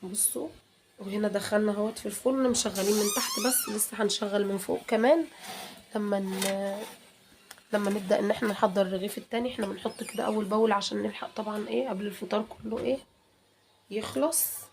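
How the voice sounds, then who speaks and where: A woman with an Egyptian accent, hoarse from a cold, chatting to viewers in a home kitchen cooking vlog and adding long prayers. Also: mid-range voice, sing-song, fast, noisy background. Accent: Egyptian Arabic.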